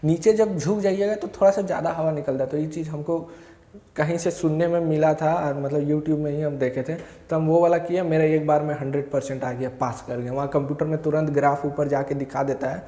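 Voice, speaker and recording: A man's voice: on the high side, fairly even intonation, a little fast, dark tone. A young man from India, telling a rambling, self-correcting story of his own as a vlogger. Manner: rambling, self-correcting, quotes others in short bursts. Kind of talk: casual first-person recounting. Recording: echoey room.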